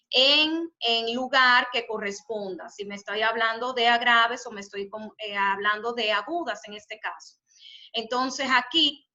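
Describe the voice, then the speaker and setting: Woman teacher on a zoom class, bright voice, a bit high, dull lo-fi call audio. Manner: encouraging, praises students' answers. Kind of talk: live online class. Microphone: video call.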